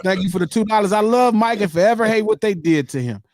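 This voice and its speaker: A man in his fifties hosting a casual live-stream podcast, reading out viewer shout-outs with animated banter. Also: high-pitched, fast talker, no echo, clean studio sound. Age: 50s. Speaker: podcast host reading donations.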